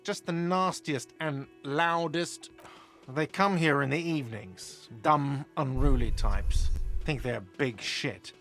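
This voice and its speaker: Grumpy café manager. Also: male voice, a little high, slow pace, a bit bright, faint music behind. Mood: exasperated. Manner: irritable, exasperated and blunt. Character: grumpy, irritable middle-aged male café manager. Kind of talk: game voice acting.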